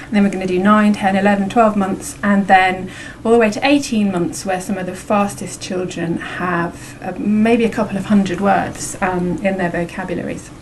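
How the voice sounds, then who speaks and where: A woman speaks at a medium pitch as an interviewed researcher, explaining in a conversational way. Faint room noise sits behind her. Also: steady tone, moderate pace, rough recording. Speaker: academic researcher being interviewed.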